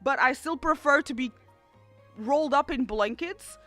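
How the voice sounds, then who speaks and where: A woman in her twenties from Portugal, streaming casual chat through a headset, animated, laughing and swearing freely. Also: sits high, moderate pace, soft background music. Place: cold room at home.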